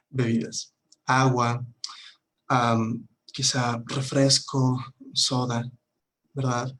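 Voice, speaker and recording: A man's voice: medium pitch, fairly bright tone, slight background noise. A man teaching an online language lesson, patiently repeating words for his students to drill. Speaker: English teacher.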